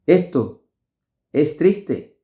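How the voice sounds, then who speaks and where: A man's voice: on the high side, big pitch swings, extremely slow, mellow. A man preaching as a pastor in a devotional sermon, reading scripture and urging listeners with emphatic, rising stresses. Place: church devotional service.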